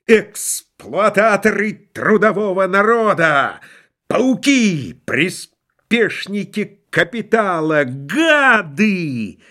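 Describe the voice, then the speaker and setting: A man's voice: on the high side, sing-song, a little slow, fairly bright tone, exaggerated voice. A man voicing a grandiose, scheming middle-aged con man in an audiobook reading, theatrical and ironic. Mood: indignant shouting.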